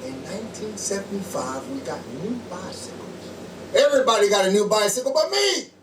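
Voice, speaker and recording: A man, a pastor, preaching a sermon in short slow phrases, pausing so an interpreter can translate. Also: high-pitched, big pitch swings. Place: small home church. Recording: echoey room from far off, loud room noise.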